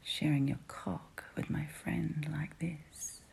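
A woman's voice: low-pitched, fairly even intonation, takes it slowly, creaky, darkish tone. A woman whispering an intimate adult roleplay close to the listener's ear, ASMR style. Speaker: audio roleplay performer.

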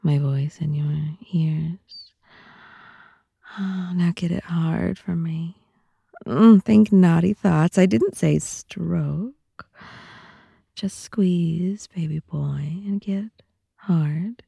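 A woman speaking slowly in a teasing, often whispered voice for an intimate audio roleplay. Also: fairly low pitch, gravelly, mellow, breathy edge, dry recording. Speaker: audio content narrator.

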